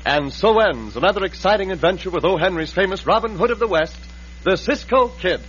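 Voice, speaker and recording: A man's voice: high voice, lively intonation, a little fast, a little hiss or hum. A man announcing in dramatic, old-time radio style, closing out an adventure show. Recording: dull old radio recording. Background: loud organ music.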